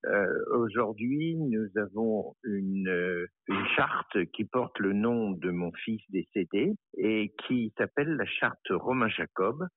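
A man speaking as a guest over the phone, halting and repeating words as he answers questions in a live interview. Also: lowish voice, dry recording. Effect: heard over the phone. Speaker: mystery guest on the phone, head of an association. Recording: tinny phone line, dry.

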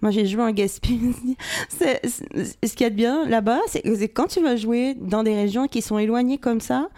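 A woman from Quebec with a Québécois French accent, a stand-up comedian chatting casually as a podcast guest and telling lively stories. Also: fairly high pitch, moderate pace.

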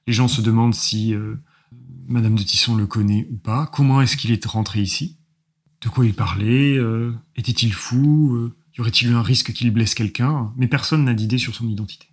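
A man runs a tabletop role-playing game as game master, describing the scene for his players. His voice is husky and slightly breathy, and he narrates with frequent hesitations and fillers. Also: mid-range voice, normal speed.

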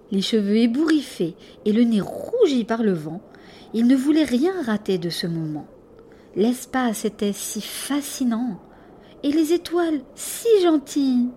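A woman narrating a bedtime story expressively, with hushed, whispered passages. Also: on the high side, a little hiss or hum.

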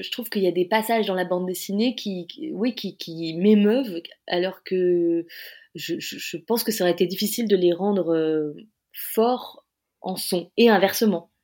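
A woman's voice: medium pitch, darkish tone. A woman with a French accent answering in a casual interview, hesitant and searching for her words. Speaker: interviewed author.

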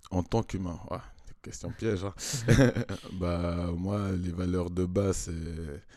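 A man's voice: low-pitched, fairly even intonation, slow pace, dark tone, no room sound, studio quality. A man in his thirties, a dancer and choreographer, chatting casually as an interview guest with easy laughs and hesitant fillers. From Congo, raised in Switzerland.

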